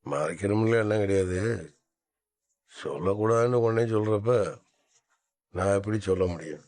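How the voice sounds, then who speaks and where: An actor in a TV serial playing a calm, resigned middle-aged husband reassuring his wife. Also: fairly low pitch, moderate pace, close to an everyday voice. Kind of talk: Tamil TV serial acting.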